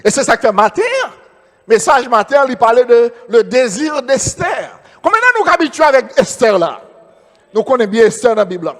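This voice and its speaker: High pitched haitian guy preaching, lots of amen, big echoey church. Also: big pitch swings, moderate pace, a bit bright. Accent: Haitian Creole. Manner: preaching, calls of amen, repeating phrases. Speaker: pastor. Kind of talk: sermon.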